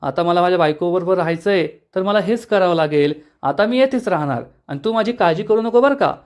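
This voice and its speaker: Cheeky lovestruck young husband, read by a man, high voice, playful teasing. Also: expressive, fairly quick.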